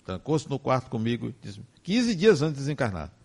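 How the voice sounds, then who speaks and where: An older man with a Brazilian Portuguese accent, giving a personal testimony as a spiritist speaker in slow, emphatic, emotive storytelling. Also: mid-range voice, big pitch swings, a little mellow.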